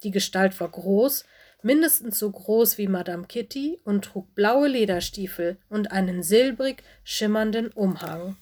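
A woman reads a children's story aloud in a calm, expressive voice. Her delivery stays steady and clear, as is typical for scripted storybook narration. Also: medium pitch, measured pace. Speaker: audiobook narrator.

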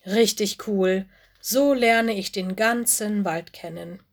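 A woman voicing Lola, a bold and curious young female forest animal who talks in a lively, daring way in a storybook reading. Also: medium pitch, slow pace. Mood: cheerful.

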